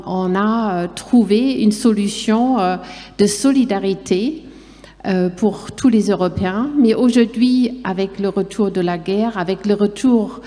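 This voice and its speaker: Mellow, hesitant woman moderating in a hall. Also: medium pitch. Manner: hesitant, circling toward her question. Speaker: panel moderator. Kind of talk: unscripted moderated discussion. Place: large reverberant hall. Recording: long hall reverb.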